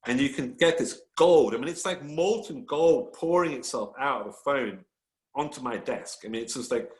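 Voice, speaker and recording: A man's voice: medium pitch, moderate pace, darkish tone. A man telling stories in a casual panel talk, enthusiastic and rambling, full of restarts. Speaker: author guest. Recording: roomy echo.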